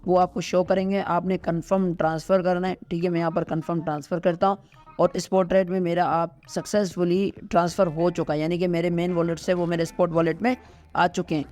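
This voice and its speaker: A man's voice: high voice, little pitch movement, a little fast, a little mellow, faint music behind. A man with a Pakistani Urdu accent, walking viewers through a screen tutorial step by step and checking in often. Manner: step-by-step instructing, frequent "theek hai" check-ins. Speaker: host of a crypto tutorial. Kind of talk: screen-recorded tutorial walkthrough.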